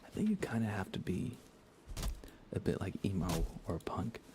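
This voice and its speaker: A live streamer with a very deep voice full of vocal fry chats softly during an ASMR gaming stream. He stays hushed, often drifting into a whisper, and meanders through his thoughts without rushing, at a moderate pace. Steady background noise is clearly audible behind him.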